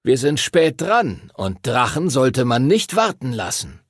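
A man's voice: mid-range voice, very animated, unhurried, slightly rough, no room sound, clean studio sound, pitched above the performer's own voice. A man voicing a stern, boisterous male teacher who barks orders at his pupils in an audiobook. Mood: commanding. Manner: loud, commanding, barking orders. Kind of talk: audiobook character voice.

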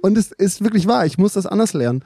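A man talking in a relaxed podcast chat, his voice sitting a bit high but sounding dark and mellow. He tells stories with a lot of drive and rushes through phrases. The sound is dry and close. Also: gravelly, breathy edge, no room sound. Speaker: podcast co-host. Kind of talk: casual chat.

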